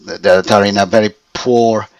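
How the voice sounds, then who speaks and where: Halting Spanish-accented man in his fifties. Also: on the low side, fairly even intonation, no echo, recorded from a distance, rough recording. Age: 50s. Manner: halting, searching for words with many restarts. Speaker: language student. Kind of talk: conversational English lesson.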